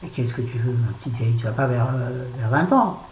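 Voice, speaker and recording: A woman's voice: very deep voice, fairly quick, a little mellow, a little hiss or hum. A woman in her fifties talks straight to camera in a casual vlog, rambling from one thing to the next with blunt, self-mocking remarks. She sounds stressed and a bit irritable. The recording has an echoey room sound with faint background ambience. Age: 50s. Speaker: vlogger. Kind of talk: casual unboxing chat to camera.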